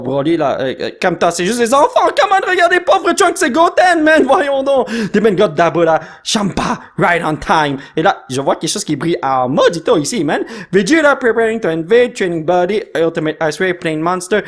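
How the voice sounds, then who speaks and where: A man doing casual unboxing commentary, excitably reading card names and mixing in English slang. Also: sits high, normal speed, few pauses. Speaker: YouTuber opening card packs.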